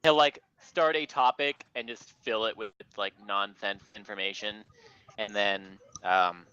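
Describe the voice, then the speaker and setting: A man's voice: lowish voice, steady tone, a little slow, pushed and bright, clear, resonant tone, dry recording. A man running a tabletop role-playing game as game master, talking casually and full of filler words. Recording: slightly muffled lo-fi recording.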